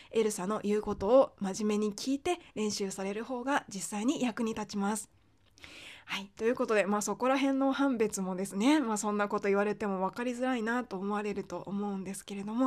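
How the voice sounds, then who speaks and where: A woman with a medium-pitched voice teaches English pronunciation on a podcast. She explains patiently, uses fillers often, and slows down to demonstrate sounds.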